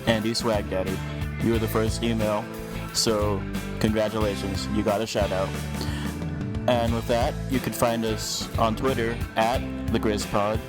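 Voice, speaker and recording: Rambling male podcast host, music behind. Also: lowish voice. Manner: loose, rambling with fillers. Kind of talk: casual podcast narration.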